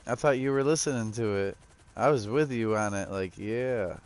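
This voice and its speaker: A man's voice: mid-range voice, moderate pace, clean tone. A man chatting casually with friends while playing a game, laid-back and chuckling. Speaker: gamer streaming with friends. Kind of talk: casual chat while gaming.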